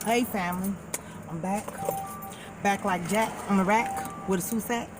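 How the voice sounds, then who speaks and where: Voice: medium pitch, steady tone, a little slow, over music. An American vlogger chatting casually and familiarly to viewers like family, recorded inside a parked car. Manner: folksy, colloquial, familiar. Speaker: vlogger, mukbang host. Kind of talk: casual chat to camera, addressing viewers as family. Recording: noisy car interior, outdoor ambience.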